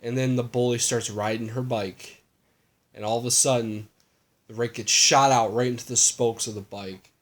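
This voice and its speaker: A man's voice: mid-range voice, fairly even intonation, moderate pace. A man co-hosting a casual movie recap chat, rambling with lots of fillers and crude jokes.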